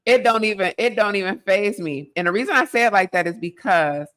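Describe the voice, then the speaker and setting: A woman talking in a relaxed interview, coaching with a firm, direct push. She drops casual slang and keeps pressing for an answer. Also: mid-range voice, brisk. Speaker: guest business coach.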